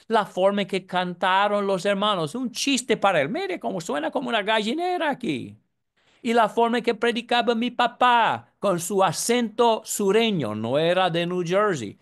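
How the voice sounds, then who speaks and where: A man in his seventies, from the United States, preaching a sermon and telling a story in an earnest way. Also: high voice. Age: 70s.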